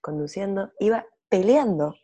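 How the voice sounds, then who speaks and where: A woman's voice: medium pitch, moderate pace. A woman, a guest in an interview, telling stories animatedly and acting out her inner dialogue. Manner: animated storytelling, acts out inner dialogue, repeats phrases. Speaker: guest, women's workshop leader. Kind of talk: reflective conversational interview.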